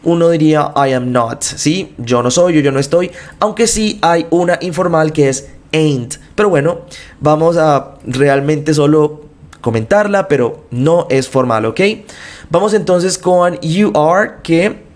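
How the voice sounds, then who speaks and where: A man, explaining English grammar step by step and slowly drawing out each English example phrase. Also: fairly high pitch, a little mellow. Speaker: English teacher. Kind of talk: bilingual grammar lesson.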